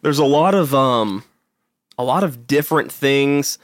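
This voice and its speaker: A young man co-hosts a podcast in loose, casual chat, rambling through fillers and laughing often. His voice sits at an ordinary middle pitch. The recording is dry and close. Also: unhurried, no room sound. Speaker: podcast co-host.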